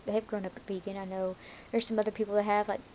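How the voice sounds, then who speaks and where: A woman's voice: mid-range voice, flat delivery, quick pace. American woman rambling to her vlog viewers, kinda dull lo-fi sound, faint room hum. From United States. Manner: chatty and rambling, with fillers and self-corrections. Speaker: vlogger. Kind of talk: casual vlog monologue.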